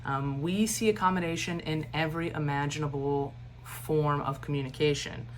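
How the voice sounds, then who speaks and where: A woman instructor giving a recorded class lecture in a steady cadence, with animated emphasis and informal asides. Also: deep voice, normal speed, a little hiss or hum.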